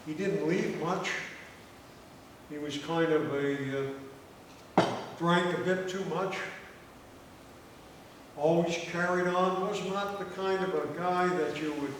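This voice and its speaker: An older man hosting a comedy night, telling long jokes slowly with fillers and restarts to a live audience. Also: a little high, steady tone. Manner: slow, meandering joke-telling with fillers and restarts. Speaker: comedy show host. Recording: echoey hall, distant mic, background noise.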